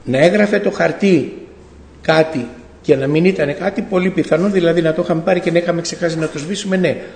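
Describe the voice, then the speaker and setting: Man with a gravelly voice in an echoey hall. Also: on the high side, darkish tone. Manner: storytelling, acts out dialogue, frequent self-corrections. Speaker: church member giving testimony. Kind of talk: spoken faith testimony to a congregation. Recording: echoey hall with long reverb.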